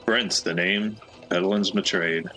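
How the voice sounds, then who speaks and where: A man's voice: low voice, steady tone, takes it slowly, sharp tone, soft background music, heavily acted, poor audio. A man doing a drawling old peddler. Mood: folksy. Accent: put-on American Southwestern drawl. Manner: folksy, drawling, talkative. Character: chatty old male peddler, folksy and wry. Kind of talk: reading game dialogue aloud in character.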